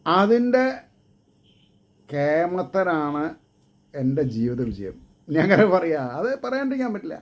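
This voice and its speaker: A man giving a devotional discourse, chanting verses slowly and then explaining them in quick bursts. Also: a little high, very animated. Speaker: devotional speaker.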